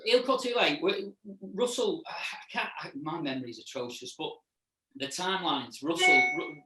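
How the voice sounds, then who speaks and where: A middle-aged man, chatting casually as an interview guest and haltingly repeating words as he recalls things. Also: a little high, lively intonation, sharp tone. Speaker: restaurant owner and chef, interview guest. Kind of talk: casual interview chat, reminiscing. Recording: echoey room, distant mic.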